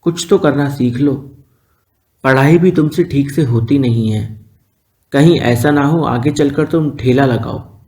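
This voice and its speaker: A man's voice: mid-range voice, unhurried, warm tone, lightly acted. A man reading the lines of a strict, short-tempered middle-aged father in a storybook narration, with a blunt, scolding manner.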